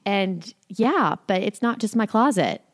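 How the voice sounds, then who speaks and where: This is a woman chatting casually as a podcast co-host, with very lively swings in pitch. She sounds hesitant and self-conscious. She talks into her own microphone inside a closet, so the sound is dry. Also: unhurried, no echo. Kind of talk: casual chat. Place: clothes closet at home. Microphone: own microphone with headphones.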